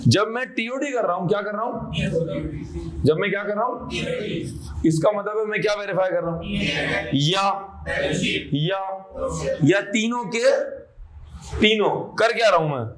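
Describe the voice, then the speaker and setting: High-voiced man lecturing a class. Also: normal speed, pauses often, a loud crowd, low-quality recording. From Pakistan. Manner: animated, drills students with repeated questions and chanted phrases. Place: classroom with students. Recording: classroom lecture with students audible.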